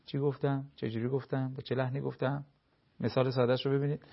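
A man's voice: mid-range voice, little pitch movement, vocal fry, lo-fi sound. A man giving advice on a talk show, explaining his points with everyday examples and short acted-out dialogues.

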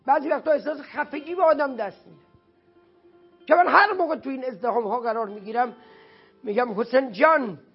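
A man's voice: very high voice, long pauses, slightly rough. A man from Iran telling an emotional religious anecdote and acting out the dialogue with feeling. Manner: heartfelt, acts out quoted dialogue. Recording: dull lo-fi sound with faint music.

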